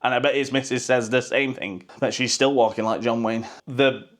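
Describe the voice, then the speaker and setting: Crude, ranting football fan. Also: male voice, medium pitch, steady tone, normal speed. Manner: blunt, crude, mocking, laughs at own jokes. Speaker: football fan channel host. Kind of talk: profane, ranting casual commentary.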